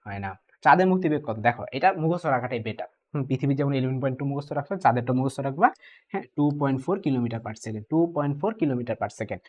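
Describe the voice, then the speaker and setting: A young physics tutor gives an exam-prep lecture in an animated, medium-pitched voice, captured on dull audio. He's brisk, mixes English terms into his teaching, and keeps checking in with students by asking "ঠিক আছে?"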